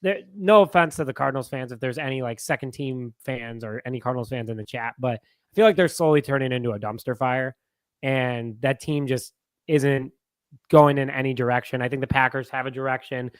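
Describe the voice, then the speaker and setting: A man's voice: medium pitch, brisk, dry recording, clean studio sound. A man giving casual, confident game predictions on a sports talk roundtable. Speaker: panelist.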